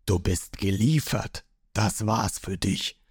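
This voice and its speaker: Man doing a cold, quiet pirate fighter. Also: expressive, unhurried, dry recording, clean studio sound. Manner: low, quiet, menacing. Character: cold, grim young male pirate fighter.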